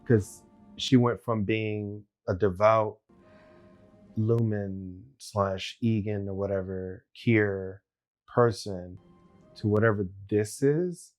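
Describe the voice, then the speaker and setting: A man's voice: fairly low pitch, fairly even intonation, takes it slowly, a little mellow, soft background music. A man co-hosting a show reaction, talking in a casual, musing, questioning way.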